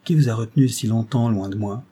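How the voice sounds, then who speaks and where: A man's voice: lowish voice, quick pace, dark tone, husky. A man reading a classic novel aloud, voicing an older baronet who questions his young wife fondly and a little reproachfully. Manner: fond questioning, slightly reproachful. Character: older baronet, doting and fond husband. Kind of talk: audiobook character reading.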